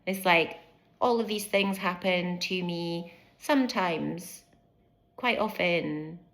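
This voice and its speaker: Bright-voiced British woman in her fifties. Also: fairly low pitch, slow. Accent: British English. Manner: candid, animated, acts out quoted speech; fidgets and moves while speaking. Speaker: former family doctor sharing her story. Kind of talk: personal vlog storytelling to camera.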